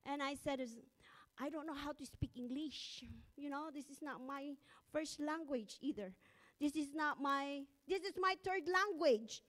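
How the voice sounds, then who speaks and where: High and fairly bright, this middle-aged woman's voice moves at a measured pace as she preaches in church; a pastor with a Filipino accent and Ilocano as her first language, she mixes nervous laughter with fervent prayer.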